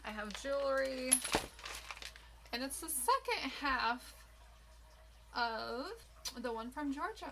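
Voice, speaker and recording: Chatty woman with a bright voice. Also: sits high, slight background noise. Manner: chatty, rambling, thinking aloud. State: morning voice. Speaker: eBay reseller vlogger. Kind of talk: casual unboxing chat.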